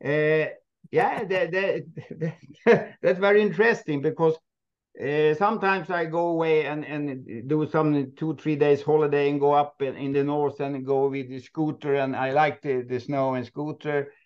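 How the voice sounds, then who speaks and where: Swedish man, halting English, muffled line. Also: a little high, steady tone, clear, resonant tone. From Sweden. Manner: halting non-native English, many restarts, laughs often. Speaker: moose park owner, guest. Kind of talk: casual interview.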